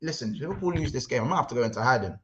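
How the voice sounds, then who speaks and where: A man hosting a casual football livestream, rambling and excitable, reading out chat messages. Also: medium pitch, rapid-fire. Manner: excitable, rambling, London slang. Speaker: livestream host.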